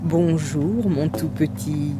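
A woman's voice: low voice, takes it slowly, music in the background, pitched below the performer's own voice. A woman voicing a big, hungry male wolf who speaks in a honeyed, sly way in a children's storybook.

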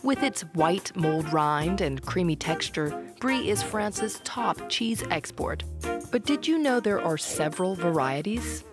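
A woman giving scripted documentary narration in a smooth storytelling delivery. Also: lowish voice, animated, measured pace, music in the background.

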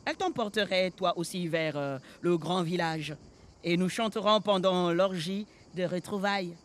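A man's voice: sits high, a bit bright. An actor playing the haunted, restless ghost of a murdered man in a radio drama, speaking solemnly and telling a story in an incantatory way. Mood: wistful. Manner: slow, solemn, incantatory delivery.

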